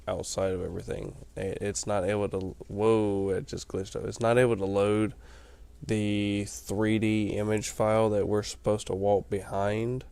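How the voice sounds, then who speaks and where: A man's voice: lowish voice, vocal fry, dark tone, smooth. A tired man rambling through casual gameplay commentary, explaining things as he plays late at night. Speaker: let's play commentator.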